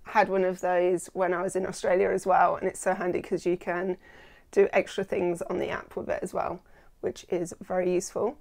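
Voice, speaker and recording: A woman's voice: on the low side, flat delivery, a little fast, gravelly, a little mellow. A woman in her thirties chatting enthusiastically on a renovation vlog, recorded indoors at home on a lapel mic. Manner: enthusiastic, chatty, lots of ums. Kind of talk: casual vlog narration. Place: house under renovation, indoors.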